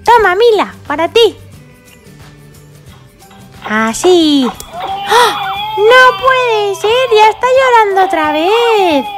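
A woman doing a very high, slow little cartoon girl pig. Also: big pitch swings, music in the background, heavily acted. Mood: doting. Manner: sing-song, fussing and doting, drawn-out words. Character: cheerful little girl pig caring for baby dolls.

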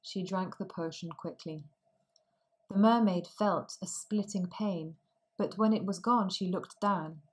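A woman reads a fairy tale aloud for language learners, slow and clearly articulated. Her voice sits a little low, and she gives each sentence room. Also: a little hiss or hum, poor audio. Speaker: storyteller. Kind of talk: storybook narration for language learners.

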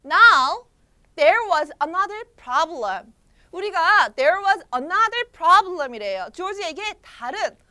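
A woman leads a children's storybook English lesson with a high, lively, sing-song voice. She keeps asking her young listeners questions as she explains. Her tone is bright and ringing.

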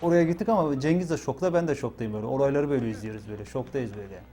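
A man's voice: medium pitch, rapid-fire, dark tone. A young man recalls events for a documentary in an emotional first-person account, often repeating small filler words as he quotes himself. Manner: retells events with many repeated "dedim" and "böyle" fillers. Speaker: witness interviewed for a documentary.

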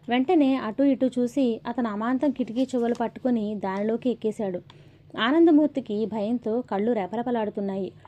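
A woman narrating a novel in a steady, even storytelling manner. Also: a little high. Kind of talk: audiobook novel reading. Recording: dull lo-fi audio.

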